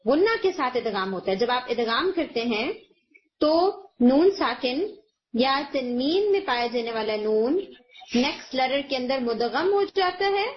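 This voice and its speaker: High-voiced woman teaching patiently. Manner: patient, step-by-step explaining, slows to demonstrate sounds. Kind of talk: recorded lesson on recitation rules. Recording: muffled lo-fi recording.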